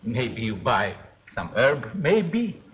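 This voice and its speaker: Very old, slow-talking shopkeeper. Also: male voice, mid-range voice, sing-song. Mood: evasive, wary. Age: older. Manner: very old man, halting broken English. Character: very old, evasive, wary male herb shop keeper. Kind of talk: 1930s film acting. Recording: dull vintage film soundtrack.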